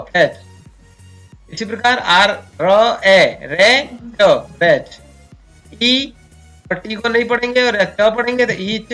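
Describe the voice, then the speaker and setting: A man's voice: sits high, sharp tone. A man teaching English pronunciation who spells words out sound by sound, asks the viewers questions and answers them himself. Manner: slow, spells out sounds one by one.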